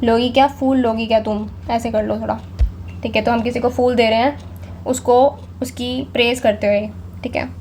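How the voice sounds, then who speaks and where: A woman's voice: fairly high pitch, fairly even intonation, normal speed, darkish tone, a little hiss or hum. A young woman gives a casual vocabulary lesson, chatty and often saying "theek hai". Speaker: exam vocabulary teacher.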